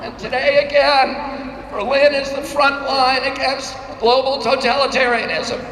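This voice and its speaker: A man giving a declamatory rally speech at an outdoor demonstration, speaking in short phrases with pauses for translation. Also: very high voice, steady tone, crowd noise, background noise. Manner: declamatory, pausing after each phrase for translation. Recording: echoey outdoor loudspeaker sound with reverb.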